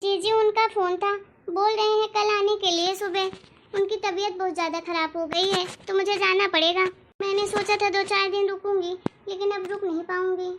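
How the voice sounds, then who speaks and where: In a family cartoon, a woman voices a meddling younger sister with a sharp, taunting tongue. Her voice is very high and bright, pushing complaints at every turn. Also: level tone, moderate pace, slight background noise. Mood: subdued. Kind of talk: cartoon story voice acting.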